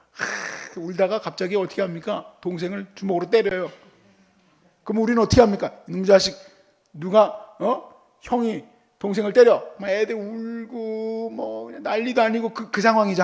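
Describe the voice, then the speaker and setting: A man's voice: high-pitched, fairly even intonation, a little fast, gravelly. A man preaching a sermon as pastor, telling stories and acting out how he scolds and comforts his child.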